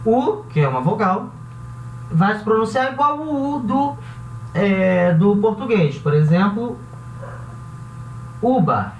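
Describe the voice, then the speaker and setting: A male teacher works through a lesson slowly and patiently, repeating each word and checking in with the class. He sounds some way off from the microphone in a roomy space. The sound is dull, with a faint hiss beneath it. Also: high voice, very animated, recorded from a distance. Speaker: Spanish teacher.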